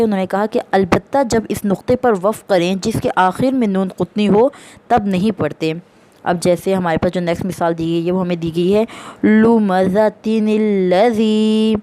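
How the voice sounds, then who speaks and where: A woman's voice: on the low side, warm tone, a little hiss or hum. A woman teaching a Quran reading lesson, explaining patiently and drawing out each example word. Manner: slow, patient explaining, drawn-out recitation of example words. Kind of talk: recorded lesson.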